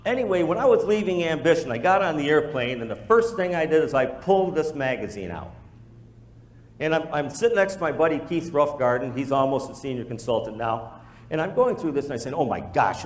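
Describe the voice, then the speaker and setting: A man's voice: on the high side, a little fast, reverberant. A man giving a motivational business talk to a live group, telling stories and acting out the dialogue. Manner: storytelling, animated, acts out quoted dialogue. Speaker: business presenter.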